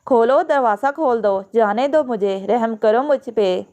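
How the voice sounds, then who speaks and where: Defiant, frightened young woman in a storybook reading; a woman narrator reads her in a clear voice. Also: fairly high pitch, mellow, muffled recording, close to an everyday voice. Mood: pleading.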